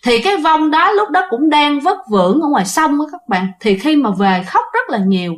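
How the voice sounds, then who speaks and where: A woman's voice: high-pitched, very animated, moderate pace. A woman with a Southern Vietnamese accent telling a ghost story casually, chatting directly to her listeners. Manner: chatty, addresses listeners directly, many fillers.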